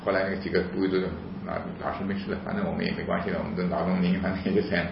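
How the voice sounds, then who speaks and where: A man with a fairly low voice tells a story at a fast clip, stumbling over restarts and repeated words. His voice leaps up high and loud when he gets worked up. The recording sounds roomy and a little dull. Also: creaky, noisy background. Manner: animated, voice jumps high and loud when retelling anger. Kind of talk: casual spoken storytelling.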